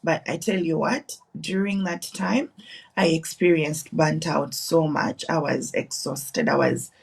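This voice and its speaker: A woman's voice: sits low, unhurried, vocal fry, husky, far from the mic. A woman from Uganda in her thirties, telling her story earnestly as an interview guest, with restarts and repeats. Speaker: guest, nurse and business owner. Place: online live broadcast.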